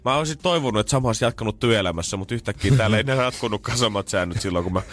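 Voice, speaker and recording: A man co-hosting a morning radio show, chatty and jokey in casual banter. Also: fairly low pitch. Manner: chatty, jokey, lively storytelling.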